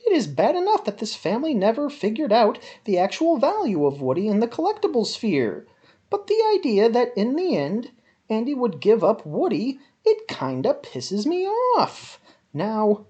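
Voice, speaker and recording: A woman gives a theatrical, melodramatic reading of a written review as a monologue, stretching out words for emphasis. Her voice is fairly high-pitched and a little mellow.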